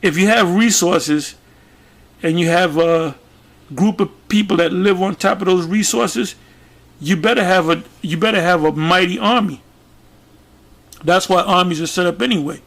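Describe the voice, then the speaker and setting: A man with a somewhat high-pitched voice gives casual commentary while reading a news web page aloud. He speaks haltingly, with frequent fillers, false starts and repeated words. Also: vocal fry, fairly bright tone. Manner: halting, many fillers and restarts, talks through what is on screen. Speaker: religious video commentator.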